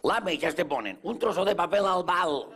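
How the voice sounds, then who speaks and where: Casting: Mallorcan man, stand-up in character as a cocky latin lover, higher voice, bright and sharp, laughter behind. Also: lively intonation, normal speed, a faint crowd. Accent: Mallorcan Spanish. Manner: boastful, playing a self-styled latin lover. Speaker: stand-up comedian. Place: café stage before a live audience. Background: audience laughter.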